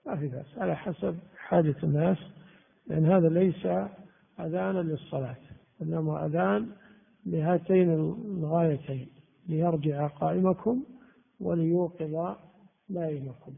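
A man teaching a religious lesson, explaining texts and grammar slowly and repeating key words. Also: fairly high pitch, vocal fry, husky. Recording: tinny phone-like sound in a reverberant hall.

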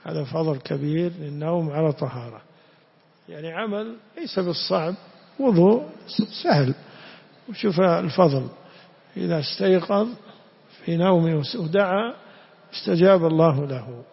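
Male religious teacher, slightly high and gravelly, explains a text and quizzes students, lo-fi recording in a reverberant hall. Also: expressive, moderate pace. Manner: reads a text, then explains it and questions students. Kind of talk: religious lesson explaining hadith. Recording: echoey hall, dull lo-fi sound.

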